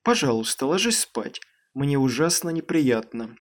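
Narrator guy doing a calm dad, soft and firm, soothing tone. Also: mid-range voice, a little slow. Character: gentle, firm middle-aged father.

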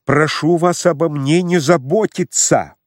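A man voicing an overwrought, hysterical young man who pleads and shouts. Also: a little high, unhurried, no echo, studio quality, pitched above the performer's own voice, lightly acted. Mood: agitated shouting.

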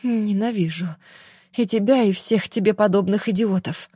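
A fiery, defiant young woman in an audiobook, voiced by a woman narrator. She speaks sharp and heated, a little higher than the narration. The sound is dry and close. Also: lively intonation, moderate pace, slightly rough, no echo. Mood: muttering.

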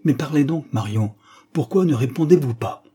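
A man voicing an angry, sharp-tongued spinster who scolds with indignation. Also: medium pitch, moderate pace, slightly rough, natural voice. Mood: commanding.

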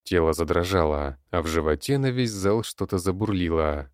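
A man narrating a dark fantasy story in a steady, dramatic way. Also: sits low, moderate pace, dry recording, clean studio sound. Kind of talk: audiobook narration.

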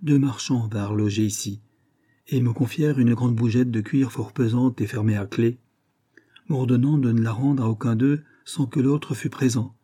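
A man's voice: medium pitch, steady tone, moderate pace, mellow, breathy edge, no echo, clean studio sound, natural voice. A man voicing a distressed widow innkeeper who pleads in tears for help. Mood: tearful pleading. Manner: tearful, pleading.

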